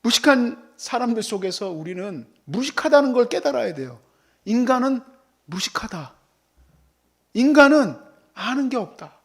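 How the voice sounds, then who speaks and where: A man with a high voice preaches to a congregation. He swings between hushed, breathy near-whispers and loud, ringing exclamations, and he acts out the voices of the people in the passage as he goes. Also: sing-song, normal speed. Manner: acts out God's and friends' voices in the sermon. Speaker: pastor. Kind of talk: sermon. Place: church service.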